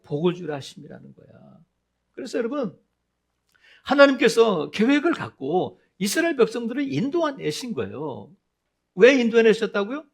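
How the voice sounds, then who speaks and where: Lively high-voiced male pastor preaching. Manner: conversational storytelling, acts out quoted voices; rhetorical questions to the congregation. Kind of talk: sermon.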